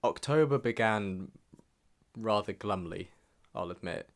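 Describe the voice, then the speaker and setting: This young man's year-in-review vlog narration is scripted and set to background music. His voice sits on the low side, animated but a little slow.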